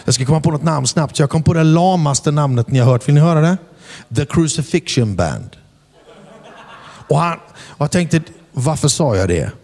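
A man preaches in a lively storytelling style, often asking the congregation whether they are with him. His voice sits a bit high for a man and carries a long hall reverb. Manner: animated, asks the crowd "are you with me?"; shouts acted quotes in English. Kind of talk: storytelling sermon. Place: church hall before a congregation.

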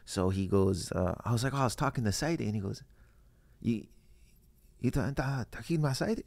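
A man's voice: lowish voice, moderate pace, gravelly, no echo. A man, a comedian, telling a story in casual conversation and acting out the voices of the people in it. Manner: animated storyteller who acts out quoted voices. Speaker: stand-up comedian guest.

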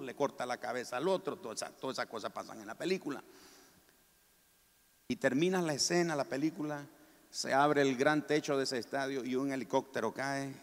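A man preaching a sermon in a large church, stressing his points by repeating them in slow, drawn-out phrases. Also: mid-range voice. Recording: long hall reverb.

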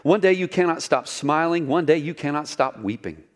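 Lively, animated male preacher. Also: a little high, normal speed. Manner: lively, conversational preaching with asides and rhetorical questions. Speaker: pastor. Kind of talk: sermon.

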